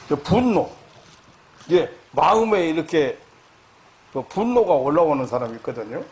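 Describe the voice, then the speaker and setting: A man preaching a sermon lecture as a pastor, halting with fillers, then rising loud and high to stress his points. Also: big pitch swings. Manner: halting, many fillers and restarts.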